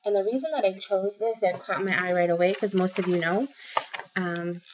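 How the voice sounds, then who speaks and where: A craft vlogger in her forties from the Boston area of Massachusetts, with a Boston accent, chats to camera about her craft haul, rambling with plenty of ums and restarts. Her medium-pitched voice keeps a steady tone at a normal speed. She's recorded on a close-up webcam in a small room at home, with slight background noise and a dull lo-fi sound.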